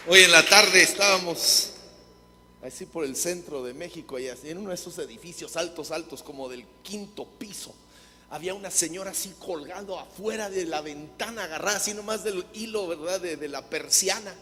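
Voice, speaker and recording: Guest preacher, male, sharp bright tone, long echo of a church hall, quizzes the crowd. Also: high voice. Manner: quizzes the audience with quick questions. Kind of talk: sermon with jokes to a congregation.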